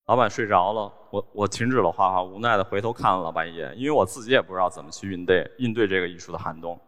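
Deadpan man telling stories in a reverberant hall. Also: low-pitched, fast talker. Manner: wry, deadpan storytelling with small laughs. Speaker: cartoonist giving a stage talk. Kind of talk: storytelling talk on stage. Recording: long hall reverb from stage.

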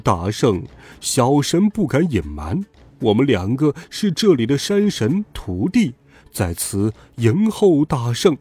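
A man voicing a timid male mountain-god disciple who pleads in a meek, hushed voice in a storybook reading. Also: medium pitch, very animated, slow, husky, soft background music, heavily acted. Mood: timid pleading.

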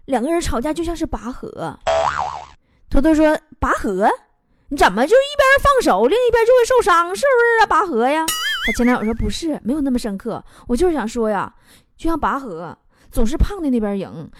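A woman's voice: sits high, no echo, studio quality. A young woman host with a Northeastern Chinese accent, reading funny listener stories aloud in a chatty, playful way and laughing between them.

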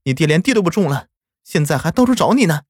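A man's voice: fairly high pitch, sing-song, quick pace, breathy edge, no room sound, clean studio sound, voice pushed up. A man voicing an anxious village mother who sharply scolds her son. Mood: scolding.

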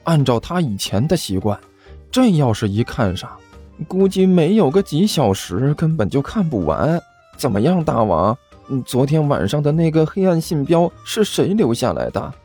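A man voicing an excitable, stammering male low-rank demon servant who gushes about his idols. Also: normal speed, slightly rough, faint music behind, heavily acted. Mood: awed. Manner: stammering, breathless and gushing.

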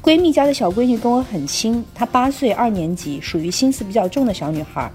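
A woman co-hosting a podcast, reading a listener's letter aloud at a steady, conversational pace. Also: a little high, brisk, faint music behind. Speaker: podcast co-host.

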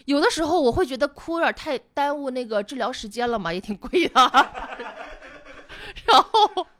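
High voiced lady comic on a podcast, candid, laughs a lot while telling stories. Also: moderate pace, a bit bright. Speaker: stand-up comedian guest. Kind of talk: casual podcast chat.

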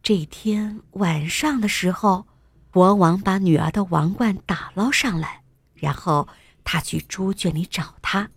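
A woman telling a bedtime story to small children in a gentle, sing-song way, at times dropping to a whisper. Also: medium pitch, unhurried, breathy edge, dry recording.

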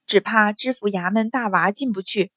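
A short-tempered lady of a great house, as a woman reader plays her snaps out orders. Her voice is sharp and commanding. The recording is dry and close. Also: medium pitch, normal speed, no room sound, close to an everyday voice. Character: stern noble mistress of the house, short-tempered.

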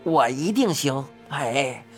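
Woman doing a sly, lively old man. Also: extremely low pitch, faint music behind, voice pushed down, exaggerated voice. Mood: unhurried. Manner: teasing, drawn-out, easygoing. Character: odd eccentric old man, sly and unhurried.

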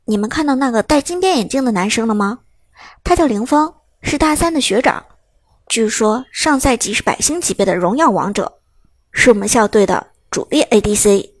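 A woman voicing a friendly young male student who quietly fills his friends in. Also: animated, moderate pace, no room sound, studio quality. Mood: explaining. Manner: quiet, explaining in low tones.

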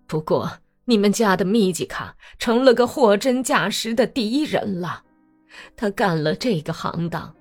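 A woman's voice: medium pitch, slightly rough, pitched above the performer's own voice. A woman doing a pious old peasant woman. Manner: slow, drawn-out, pleading.

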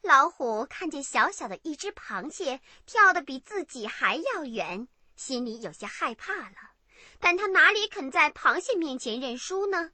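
A woman narrating a bedtime story for children in an expressive, animated way. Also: sits high, a little slow, no room sound.

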